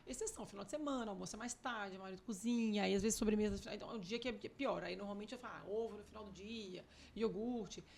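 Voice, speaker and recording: A woman cardiologist talking as a podcast guest, animated and emphatic, often acting out conversations with her children. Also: medium pitch, creaky. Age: adult with young children. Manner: animated, acts out family dialogue; quick, emphatic explaining. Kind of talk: podcast interview talk.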